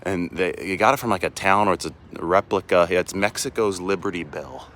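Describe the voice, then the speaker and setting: A man with a deep voice talks briskly, his tone fairly bright, over slight background noise. He's a sports reporter doing a casual live walking vlog on city streets and in a park, holding a phone camera, rambling and often restarting his sentences.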